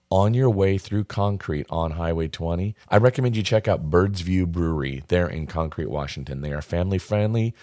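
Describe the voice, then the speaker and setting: Man, very low voice, dry close sound, casual camping itinerary, practical tips. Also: a little mellow, no room sound. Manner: friendly, practical, lists tips with fillers. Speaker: travel and camping guide. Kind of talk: casual travel itinerary talk.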